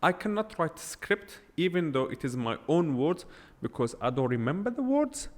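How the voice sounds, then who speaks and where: A man with a fairly high voice and wide swings in pitch talks at a moderate pace, his words trailing into a long reverb. He's hosting a solo podcast without a script, blunt and emphatic, tossing out rhetorical questions. English isn't his native language.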